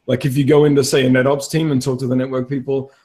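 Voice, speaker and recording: A man hosting a relaxed interview, self-deprecating and chatty with many fillers. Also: medium pitch, quick pace. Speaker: podcast host. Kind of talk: casual interview chat.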